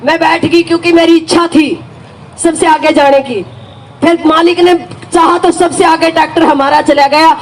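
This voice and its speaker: A woman's voice: extremely high pitch, steady tone, normal speed, slight background noise, low-quality recording. A middle-aged woman with a Haryanvi accent gives an emphatic first-person account of joining a protest, her voice rising at times. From Haryana, India. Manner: emphatic, rises to shouting when retelling. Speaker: farmer protest supporter.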